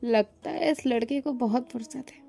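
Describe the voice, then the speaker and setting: A woman's voice: a little high, normal speed, gravelly, mellow, soft background music. Woman reading as a dry old grandfather. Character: elderly grandfather, dry and matter-of-fact.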